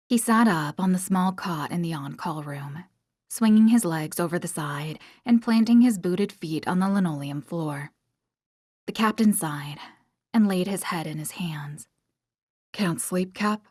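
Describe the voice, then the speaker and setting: Lady reading an audiobook, lowish voice, steady, dry close sound. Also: dry recording. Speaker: audiobook narrator. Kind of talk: scripted narration.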